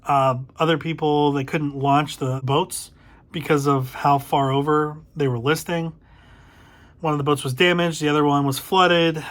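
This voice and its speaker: A man's voice: a little high, fairly even intonation, a little slow. A middle-aged man hosting a casual spoken book review, thoughtful and a little hesitant, correcting himself as he goes. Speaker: book reviewer, channel host.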